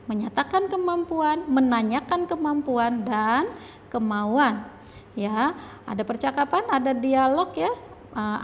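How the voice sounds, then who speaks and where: Slow, high-voiced woman teaching English. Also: in a large hall. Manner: says "ya" after nearly every phrase; reads example dialogues aloud, then translates them. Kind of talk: slide lesson explaining grammar.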